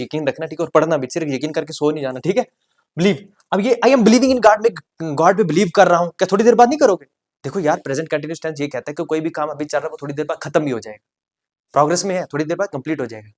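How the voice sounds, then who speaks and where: A male teacher walking students through grammar for their exams. He talks in a joking, animated way, coaxing his class with constant quick questions. One moment he is loud, the next he drops to a soft aside. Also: fairly high pitch. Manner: chatty and joking, with lots of rhetorical questions to students. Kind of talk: exam-prep grammar lesson.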